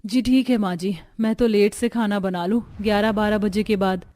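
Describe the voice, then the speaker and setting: A woman's voice: mid-range voice, steady tone, moderate pace, mellow, natural voice. A woman voicing a carefree young daughter-in-law who talks in a breezy, cheeky way.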